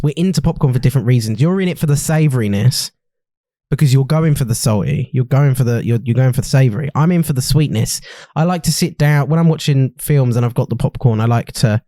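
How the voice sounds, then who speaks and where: A man's voice: medium pitch, dark tone, dry recording, studio quality. A young man co-hosting a podcast, teasing and swearing in casual banter. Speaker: podcast co-host. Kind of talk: casual chat.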